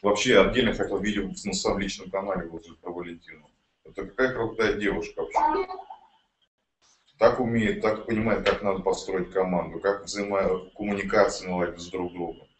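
A man's voice: low voice, fairly quick. A man chatting casually to viewers and reading messages aloud, blunt and given to swearing. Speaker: promoter of an online investment project. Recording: roomy, distant mic, light background noise.

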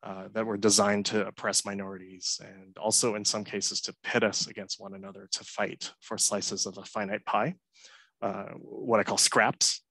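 A man in his thirties, from Hong Kong, giving a prepared conference talk over a headset on a video call, earnest and measured with many uh fillers. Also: fairly low pitch, flat delivery, vocal fry, pushed and bright, no room sound, rough recording. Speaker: conference speaker. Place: home room, indoors. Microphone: headset mic on a video call.

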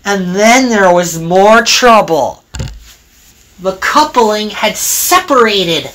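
A woman narrating a homemade train story in an unhurried, sing-song way. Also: mid-range voice, lively intonation, fairly bright tone.

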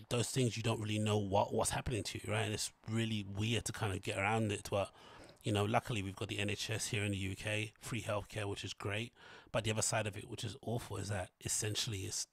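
A British man with a lowish voice rambles casually into a close studio mic. His mouth barely opens as he recovers from tonsillitis, so the words come out muffled and marble-mouthed. The sound is dry, with little room in it. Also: gravelly, fairly bright tone, husky, dry recording. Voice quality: muddy, marble-mouthed articulation. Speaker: solo podcast host. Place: small plain room indoors. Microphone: large close studio mic with foam cover.

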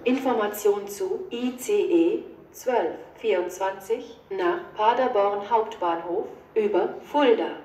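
A woman with a standard German accent reads scripted automated platform announcements in a measured, segmented, neutral delivery over a train station loudspeaker. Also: medium pitch. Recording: echoey station PA, clear background station noise.

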